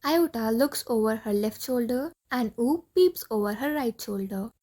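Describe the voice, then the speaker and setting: A woman narrating the stage directions of an audiobook play in a clear, steady reading. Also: a little high, moderate pace.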